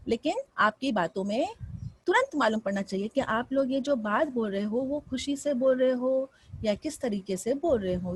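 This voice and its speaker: A woman schoolteacher from Mumbai leads a lesson, her voice moving up and down in tone and often turning to her pupils with questions. Her voice sits fairly high. The recording is dry and close. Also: breathy edge, no echo. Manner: expressive, rising and falling delivery with frequent questions to students. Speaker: teacher. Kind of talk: classroom lesson.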